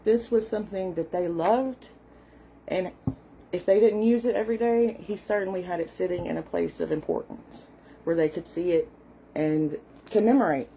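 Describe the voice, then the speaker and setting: A Southern American woman with a soft, mellow, fairly low voice rambles happily at home, full of ums and little apologies. She sounds middle-aged and eager, and a faint hum of the room sits behind her. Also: moderate pace, gravelly, poor audio. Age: at least late 40s. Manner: chatty and enthusiastic, frequent fillers and apologies; shows a book page and walks viewers through it. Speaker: history hobbyist host. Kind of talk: casual rambling explanation. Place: home, cat nearby.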